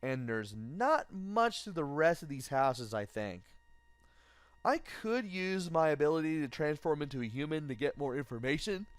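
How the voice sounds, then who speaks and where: A man's voice: expressive, moderate pace, hardly any pauses. Tired man narrating gameplay. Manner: tired, low-key, thinking aloud. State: tired, late at night. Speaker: let's play host. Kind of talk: gameplay commentary. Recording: faint game music behind.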